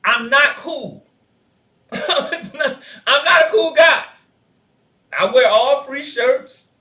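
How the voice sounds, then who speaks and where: On a casual reaction podcast, a male co-host, who says his voice is high and his laugh dumb, talks slowly but with plenty of energy. Frequent laughter breaks up his speech, and his volume climbs when he makes a point. The sound is lo-fi, dull and roomy.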